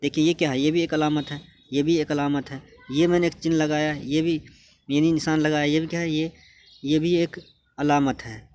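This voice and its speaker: A man's voice: on the high side, flat delivery, normal speed, a little mellow, slight background noise. Patient man teaching a grammar lesson. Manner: patient, asks and answers his own questions.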